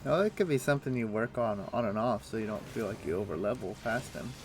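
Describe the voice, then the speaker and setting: A man with a lowish voice talks fast while streaming a game from home on a headset. He's relaxed and casual, thinking aloud with lots of ums and uhs as he chats.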